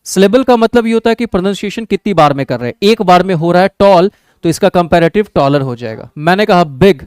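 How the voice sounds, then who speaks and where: A man teaching an exam-prep English grammar lesson with an Indian accent, often checking in with his class and reading English sentences out slowly. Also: high voice, darkish tone, clean tone, no room sound. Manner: checks in with the class, calls students "babu" and "bhai".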